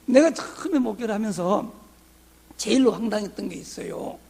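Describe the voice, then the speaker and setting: Gravelly high-voiced Korean pastor preaching. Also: male voice, expressive, normal speed, a little mellow. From Honam region, Korea. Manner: conversational preaching with rhetorical questions. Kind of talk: sermon.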